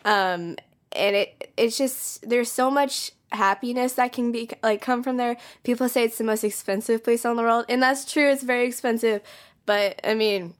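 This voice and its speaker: Here a Californian college podcast co-host, a young adult woman, speaks at a normal pace in a clean, higher-pitched voice with fairly level intonation. Her manner is bubbly and eager, sprinkled with laughter and plenty of casual "like"s.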